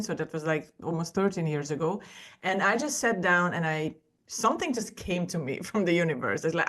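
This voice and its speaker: A Hungarian woman in her forties, a guest artist on a podcast interview, tells her story with a Hungarian accent. Her voice is on the low side with a fairly bright tone, and she speaks earnestly, often restarting her sentences.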